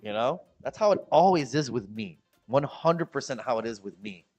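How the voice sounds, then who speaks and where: Soft background music accompanies this streamer's lively, slightly mellow voice at normal speed. Originally from Chicago and speaking with a Midwestern American accent, he chats jokingly with viewers from the Philippines, rambling, repeating himself and mimicking others in high voices.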